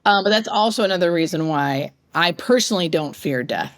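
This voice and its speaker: A woman's voice: fairly low pitch, a little fast, no echo, studio quality. Earnest woman in reflective conversation. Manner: earnest, informal, expressive. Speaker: interview guest, hospice nurse.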